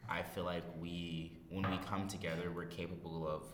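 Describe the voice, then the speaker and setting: A man's voice: low voice, level tone, moderate pace. A nineteen-year-old man hosting a podcast in casual, self-deprecating, joking chat, recorded in an echoey study room. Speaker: podcast host. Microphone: podcast microphone. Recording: echoey room, reverb, background noise.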